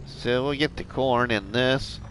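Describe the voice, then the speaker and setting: Slow, chatty male game streamer. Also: mid-range voice, a bit bright, slight background noise, rough recording. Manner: chatty, laughs often, teasing viewers. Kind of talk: live gameplay chat with viewers.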